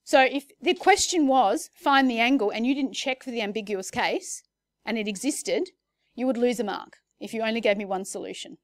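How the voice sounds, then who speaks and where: Woman teaching a class, slightly high voice, chatty and self-correcting, recorded dry. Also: moderate pace, no room sound. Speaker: maths teacher. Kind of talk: classroom lesson.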